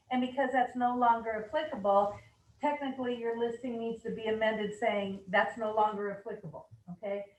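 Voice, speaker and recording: A woman's voice: fairly high pitch, a little hiss or hum. Upbeat woman in a roomy office. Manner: upbeat, reads rules aloud with asides and fillers. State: losing her voice. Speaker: managing broker leading an office meeting. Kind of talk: office meeting presentation. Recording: roomy, mic at a distance.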